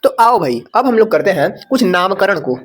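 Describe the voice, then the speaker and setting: A man's voice: high voice, big pitch swings, normal speed. A man. He talks in a chatty way, throws rhetorical questions at his students and corrects himself as he writes. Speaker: teacher. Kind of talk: casual chalkboard lecture.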